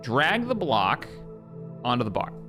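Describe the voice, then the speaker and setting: A man commentating his own gameplay for a live stream, his pitch bouncing around a lot as he reacts. He reads tutorial prompts out loud and chats with viewers, with game music playing clearly behind him. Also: wildly swooping pitch, unhurried.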